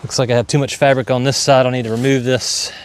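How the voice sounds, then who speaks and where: Out in a windy farm garden, a man with an Appalachian twang chats folksily on a livestream as he works and thinks out loud. He talks quickly in a level, medium-pitched voice, and the recording carries a bit of hiss or hum.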